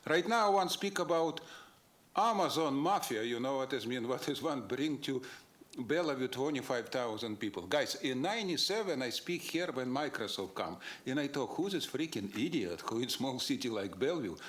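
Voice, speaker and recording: A man's voice: mid-range voice, expressive, moderate pace. A man gives a combative public comment in broken, English, throwing out rhetorical questions. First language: not English. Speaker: public commenter at a council meeting.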